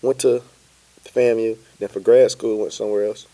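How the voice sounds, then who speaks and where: A young man from Florida, a podcast guest telling his story in an easygoing, relaxed way. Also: lowish voice, moderate pace. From Pensacola, Florida. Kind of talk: casual interview chat.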